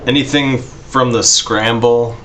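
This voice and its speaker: Laid-back man with a bright tone. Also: medium pitch, fairly even intonation, slow pace, a little hiss or hum. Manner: laid-back, laughs often, says "like" and "you know". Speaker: podcast co-host. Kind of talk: casual chat.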